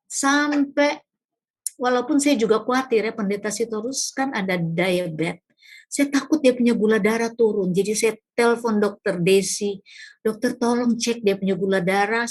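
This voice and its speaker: A woman pastor tells a personal prayer testimony in an easy, conversational way, tossing in little tag questions. Her voice sits at an ordinary middle pitch with a husky, breathy grain. She comes across as someone simply talking to a congregation watching online. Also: moderate pace. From Indonesia. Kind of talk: devotional talk with personal testimony.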